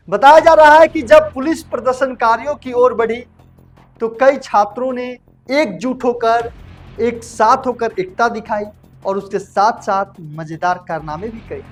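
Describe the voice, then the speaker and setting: A man hosting a casual online news report, talking chummily to viewers and calling them brother. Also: extremely high pitch. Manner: chatty, addresses viewers as brother. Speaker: news anchor.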